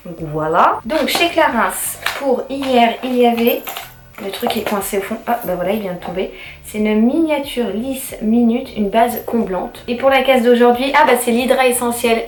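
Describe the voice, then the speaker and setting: A woman's voice: medium pitch, a little mellow. A young woman chatting in a casual home vlog, talking to the camera in her kitchen while she bakes and looks after her son. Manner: chatty, upbeat, many fillers. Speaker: vlogger, mother. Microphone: handheld camera.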